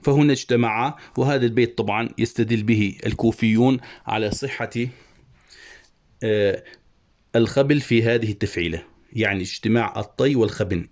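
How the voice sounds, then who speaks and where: A man teaching an online lesson on poetic meter, methodically explaining the verse and slowly spelling out each syllable. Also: mid-range voice. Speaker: Arabic prosody teacher.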